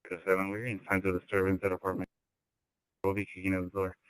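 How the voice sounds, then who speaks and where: A man's voice: deep voice, completely flat delivery, fast, clean tone, no room sound. A man, a police officer, making short, urgent calls over a walkie-talkie in poor-quality radio audio. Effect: heard over a walkie-talkie. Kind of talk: terse radio call.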